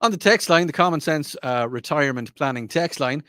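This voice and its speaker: An Irish man hosts a talk radio show in a casual monologue, rambling and repeating himself with a mocking tone and frequent laughs. His voice is on the high side, expressive and brisk, with a sharp tone. The recording is dry and clean, studio quality.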